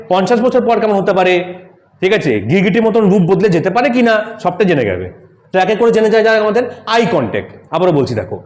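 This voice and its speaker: A man's voice: sits high, darkish tone. A man teaching communication skills in a motivational lecture, asking rhetorical questions and acting out examples in different voices. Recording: echoey room.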